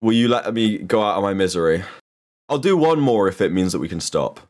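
Animated young streamer. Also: male voice, lowish voice, a little fast. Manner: animated, swears a lot, exclaims. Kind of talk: casual live-stream chat.

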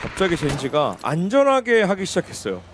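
Very high-pitched animated male esports analyst. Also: brisk. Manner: animated, explains tactics. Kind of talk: live analytical esports commentary. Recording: game gunfire and noise behind.

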